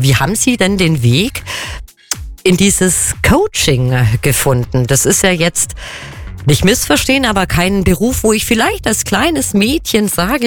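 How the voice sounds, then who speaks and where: Chatty radio interviewer with easy laughs and faint music behind. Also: mid-range voice. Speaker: radio show host.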